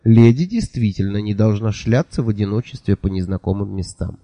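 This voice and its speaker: A man's voice: lowish voice, expressive, brisk, dark tone, dry recording. Man reading as a snappish elf-like young woman. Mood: brooding. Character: irritable elf-like young woman, sharp-tongued. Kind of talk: audiobook character reading.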